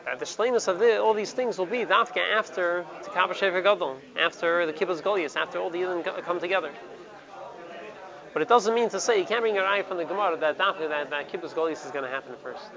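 Speaking quickly in a high-pitched voice, a man teaches Torah, pausing to repeat words and mixing Hebrew terminology into English. It's a Talmudic study session captured on dull lo-fi audio, with a crowd audible behind him.

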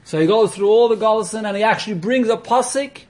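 A man who teaches a Talmud class explains religious texts in an informal lesson, asking questions and answering them himself along the way. His voice is high and somewhat dark in tone, and he talks fast.

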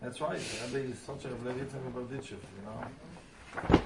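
A man's voice: mid-range voice, moderate pace. A man commenting casually during a class discussion. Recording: distant, echoey, noisy room recording.

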